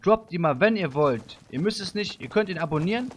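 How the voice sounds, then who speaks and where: A man live-streaming a game, chatting with viewers in street slang and giving them playful orders, breaking into loud shouts. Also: high-pitched, expressive, brisk, slight background noise. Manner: bossy playful commands to viewers; street slang, calls people bro. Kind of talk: live-stream gameplay chat.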